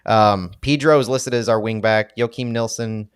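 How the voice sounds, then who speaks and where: A man's voice: lowish voice, fairly even intonation, moderate pace, clear, resonant tone, dry recording. Man, casual soccer stream co-host, rambling, lots of ums, dry close sound. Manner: rambling, hesitant, many fillers and restarts. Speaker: podcast co-host.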